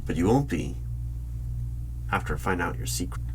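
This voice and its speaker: In a loud-spoken ASMR roleplay, a man plays a suspicious, probing hiring manager for a secret bureau, conducting a one-sided interview with deliberate questions and dramatic pauses. His voice is low-pitched with lively intonation. A clear hum and the sound of computer keyboard typing run through the recording.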